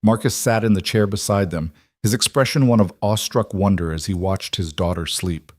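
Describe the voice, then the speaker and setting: Low-voiced man narrating a story. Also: a little fast, a little mellow, no echo. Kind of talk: scripted audiobook narration.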